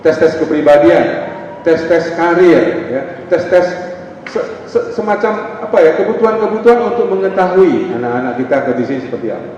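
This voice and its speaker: A man's voice: on the high side, expressive, normal speed, darkish tone, slight background noise. Middle-aged male counselor, conversational seminar speaker, very roomy distant sound with faint ambience. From North Sumatra (Batak). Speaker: pastor and family counselor. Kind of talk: seminar talk. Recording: echoey hall, distant dull mic.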